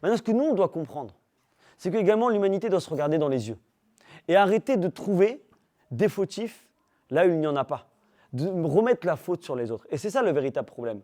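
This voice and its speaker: High-voiced man teaching a lively class. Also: brisk. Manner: animated, asks rhetorical questions, checks in with listeners; teasing humor with the audience. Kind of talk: lively religious class talk.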